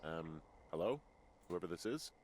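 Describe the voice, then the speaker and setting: A man's voice: sits low, expressive, unhurried, a little mellow, a little hiss or hum. An actor playing a weary, curt man who has just arrived at a remote fire lookout, talking over a radio handset. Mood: grumpy. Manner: dry, curt. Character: tired, grumpy adult man, new fire lookout.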